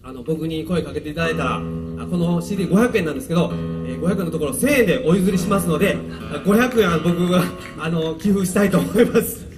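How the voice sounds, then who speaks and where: A man's voice: on the high side, fast. A man, a band vocalist, introducing the members between songs in a polite, joking way with small laughs. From Japan. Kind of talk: casual stage MC at a live show. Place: outdoor park stage. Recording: live outdoor recording with guitar behind.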